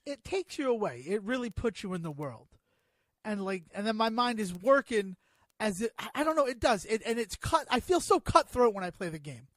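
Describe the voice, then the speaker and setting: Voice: mid-range voice, sing-song, moderate pace, a bit bright, dry recording. A podcast co-host chatting about a board game, enthusiastic and rambling while searching for the right words. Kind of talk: board game review chat.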